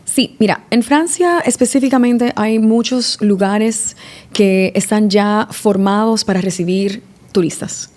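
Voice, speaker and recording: A woman from the Dominican Republic, speaking as a sommelier guest on a podcast. Her voice is mellow and warm at an average pitch. She thinks aloud, restarting phrases and filling pauses as she goes. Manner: reflective, restarts often, eh fillers. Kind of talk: casual podcast interview.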